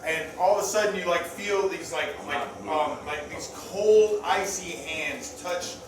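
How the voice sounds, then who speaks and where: A man with a high voice serves as game master at a roomy indoor gathering, improvising scene descriptions conversationally at a measured pace. He builds them hesitantly, bit by bit, with many hedging words. The room is echoey, the mic distant, and background noise is audible.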